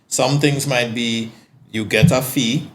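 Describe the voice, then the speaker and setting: A man's voice: medium pitch, fairly even intonation, takes it slowly, a little hiss or hum. A Trinidadian man, a guest singer-songwriter, talking casually on a podcast and telling stories with frequent stammered restarts.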